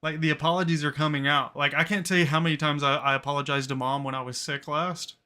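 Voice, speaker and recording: A man's voice: on the high side, steady tone, fast, sharp tone. A man hosting a casual podcast, rambling with lots of fillers and swearing freely. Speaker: podcast host. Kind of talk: casual chat.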